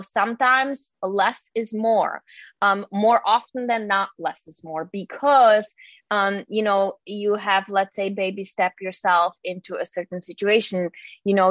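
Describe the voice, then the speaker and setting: A woman's voice: medium pitch, a bit bright, no echo. Czech-born woman life coach on a podcast, lots of ums, kinda muffled dry audio. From Czech Republic. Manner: hesitant, lots of ums and restarts. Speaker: guest, yoga teacher and life coach. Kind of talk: casual podcast conversation.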